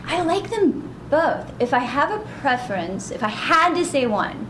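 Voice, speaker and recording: This upbeat, bubbly voice actress has a youthful voice that sits high, swinging widely in pitch as she talks at an unhurried pace. It's a casual interview chat recorded in an echoey room with background noise.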